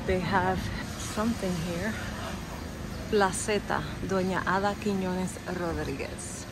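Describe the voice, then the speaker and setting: A woman's voice: lowish voice, slow pace. Upbeat woman vlogging outdoors. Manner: upbeat, chatty, playful. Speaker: travel vlogger. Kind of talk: casual walking tour narration. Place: outdoors on town streets and stairs. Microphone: handheld phone camera on a selfie stick. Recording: loud outdoor noise, street and wind.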